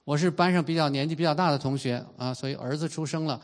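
Fifties guy preaching, earnest, kinda high voice for a man, drags out the big lines real slow. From China. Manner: earnest preaching, slows and stretches key phrases. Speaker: pastor. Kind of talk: sermon.

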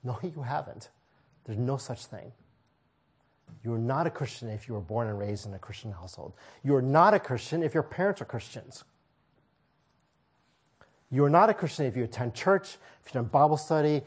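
A pastor with a mid-range, slightly rough male voice preaches to his congregation in church. He pleads emphatically, hammering his points home through repeated phrases.

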